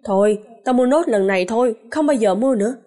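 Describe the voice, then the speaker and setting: A woman's voice: fairly high pitch, brisk, warm tone, lightly acted. A woman voicing an easygoing young unmarried man chatting casually over drinks.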